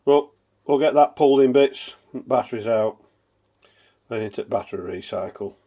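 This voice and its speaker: A man's voice: mid-range voice, normal speed, dry recording. A man with a Northern English accent giving casual outdoor vlog commentary, raising his voice over the wind. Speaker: vlogger. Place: outdoors by a river. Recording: windy outdoor recording, loud wind noise. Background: wind noise.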